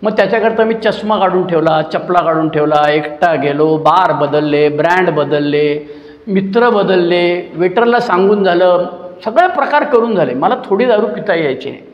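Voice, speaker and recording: An older man sharing his personal story at a support-group meeting, telling it with lively voices for the people he quotes. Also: high voice, normal speed. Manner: animated storytelling, acting out quoted people with mocking asides. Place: meeting hall. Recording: dull lo-fi recording in an echoey hall.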